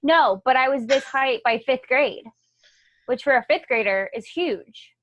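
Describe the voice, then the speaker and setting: A young woman chatting with her sister on a homemade podcast, easygoing and teasing, worn out after a run. Her voice is a little high, and the recording is dry and muffled with no room sound. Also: animated, a little slow, no room sound. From Florida. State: tired after a morning run. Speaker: podcast co-host. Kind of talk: casual chat.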